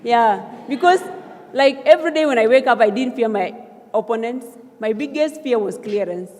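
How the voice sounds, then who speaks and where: Speaking at a moderate pace with lively intonation, a young South Sudanese woman delivers her acceptance speech as the new student association leader at a swearing-in. Her fairly high voice has a darkish tone. She is earnest and emphatic, climbing toward calls of thanks amid the long reverb of a large hall.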